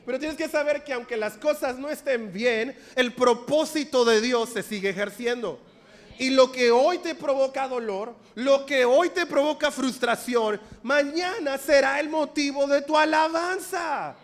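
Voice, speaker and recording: A man preaches a sermon in a fairly high voice. He moves between quiet, prayerful passages and loud, forceful exhortation, and often pauses so the congregation can repeat his phrases. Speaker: pastor.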